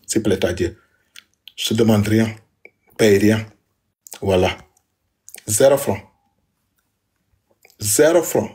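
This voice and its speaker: A man's voice: lowish voice, expressive, slow, long pauses, darkish tone. A man, speaking to his wife in an emphatic, repetitive, aggrieved way. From Senegal. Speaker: husband addressing his wife. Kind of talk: heated personal address.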